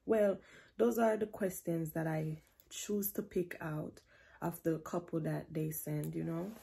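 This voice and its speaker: A woman's voice: low-pitched, measured pace, creaky, husky. Laid-back Jamaican woman in her twenties. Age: 20s. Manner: relaxed, playful, drifts into patois. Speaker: vlogger. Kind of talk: casual Q&A vlog. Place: bedroom, indoors. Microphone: camera at close range.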